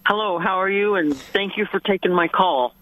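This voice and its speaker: A woman's voice: medium pitch, moderate pace, a bit bright, no room sound. A woman calling in to a talk radio show, heard over the phone line. Her voice is dry, with no room around it, and she asks her question politely with a slight hesitation. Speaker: caller. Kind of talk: call-in question to a radio host.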